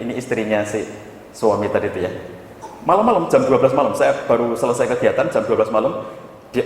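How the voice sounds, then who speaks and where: A middle-aged man preaching to an audience in a lively storytelling way, acting out the voices of the people he quotes and laughing at his own jokes. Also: medium pitch. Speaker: marriage counselor and preacher. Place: large hall with long reverb. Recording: echoey hall recording with faint noise.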